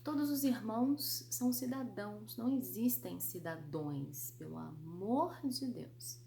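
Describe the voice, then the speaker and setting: A Brazilian Portuguese woman teaching an online grammar lesson in a lively, playful way, calling her students sweet names. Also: mid-range voice, measured pace, creaky, slight background noise.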